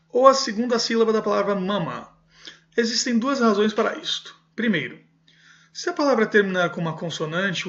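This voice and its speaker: A man with a rather high voice teaches a video lesson, reading a book aloud and explaining it. He often checks in with a questioning "certo?" and fixes his own slips. The recording sounds dull and lo-fi. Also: a bit bright. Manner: keeps adding a questioning "certo?" tag, corrects himself aloud. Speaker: music teacher.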